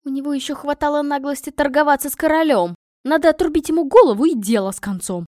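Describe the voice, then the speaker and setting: Expressive woman narrating an audiobook. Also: high voice, fast, no echo, clean studio sound. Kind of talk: first-person audiobook narration.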